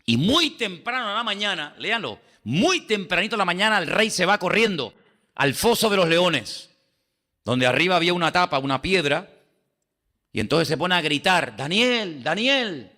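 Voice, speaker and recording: A pastor preaches a sermon to his congregation in church at normal speed, his voice a little high and very bright and forward. He retells Bible scenes as animated storytelling, giving voices to the king and Daniel.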